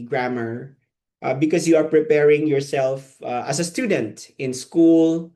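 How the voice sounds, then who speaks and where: During a live online training session, a Filipino ESL teacher trainer lectures conversationally and asks his trainees questions. His voice is gravelly, medium in pitch, and darkish in tone.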